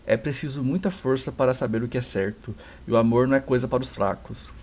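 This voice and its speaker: A man with a Brazilian accent reading a priest's wedding speech aloud, slow and solemn. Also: mid-range voice, darkish tone, voice pushed down, close to an everyday voice. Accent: Brazilian Portuguese. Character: earnest male priest giving a wedding speech.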